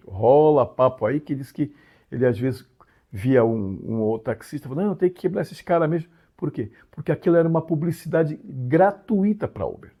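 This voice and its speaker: A man's voice: on the high side, dark tone, breathy edge. A man from Brazil hosting his own channel, explaining a story in a casual monologue with frequent tag questions and emphatic swings. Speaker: channel host.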